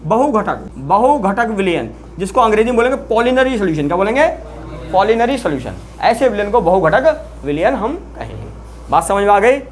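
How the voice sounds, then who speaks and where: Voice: mid-range voice, big pitch swings, slight background noise. Drilling, question-asking chemistry teacher. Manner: quizzes students with repeated questions, calls them "beta"; repeats key terms slowly for emphasis. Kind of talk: classroom lecture.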